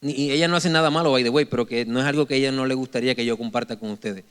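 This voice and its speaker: A man's voice: medium pitch, racing, clear, resonant tone. A man in his forties, a pastor, preaching a sermon to his congregation in a church, telling stories animatedly and joking with the people, often restarting his phrases. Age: 40s. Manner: frequent self-corrections and restarts. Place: church sanctuary before a congregation.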